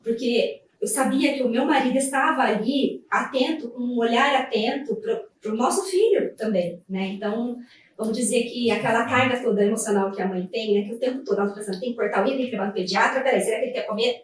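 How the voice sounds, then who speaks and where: A woman with a slightly high voice talks fast and confidently about family life. She sounds far from the mic, in a strongly echoing room with faint background noise. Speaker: mother and professional. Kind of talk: podcast interview.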